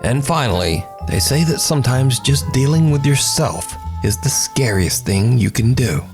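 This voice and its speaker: A man's voice: medium pitch, lively intonation, normal speed. A man hosting a video countdown, narrating clips in a dramatic, playful storytelling way. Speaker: host narrating viral videos. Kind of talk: scripted narration. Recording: background music.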